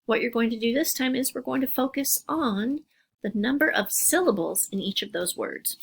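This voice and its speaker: An upbeat woman teacher talks young children through a recorded phonics lesson. She speaks clearly and carefully, sounding out words for the class. Her pitch sits in an ordinary middle range. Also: a bit bright.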